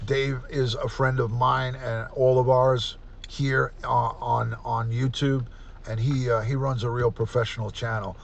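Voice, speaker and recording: Gravelly-voiced New man in his fifties. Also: mid-range voice, level tone, unhurried, a little hiss or hum. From United States. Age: 50s. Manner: chatty, reads out viewer names and thanks them. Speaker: live stream host. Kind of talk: casual live stream sign-off.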